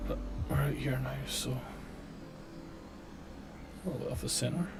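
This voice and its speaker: A man's voice: medium pitch, measured pace, heavy background noise. A man live-streaming a flight simulator with casual commentary, muttering to himself in a dry, sweary, self-deprecating way. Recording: game stream with clear background music. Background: music.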